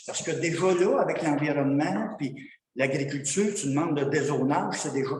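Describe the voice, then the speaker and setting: A fed-up man with a Québécois French accent tells his grievances at a town council meeting in a rambling, colloquial way. His voice sits a little high and comes from well away from the mic. It echoes around a large hall with a long reverb, and steady noise is audible underneath. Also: normal speed, recorded from a distance. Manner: rambling, frustrated, colloquial storytelling. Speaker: citizen at council question period. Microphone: far from the microphone.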